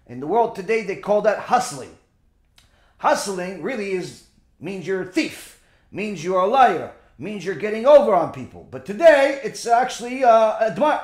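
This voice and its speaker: A middle-aged rabbi, a man, preaches a Torah sermon, firing rhetorical questions at his listeners. His voice sits high and leaps up and down as he presses each point. The room around him rings with a noticeable echo. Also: a little mellow. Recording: roomy echo.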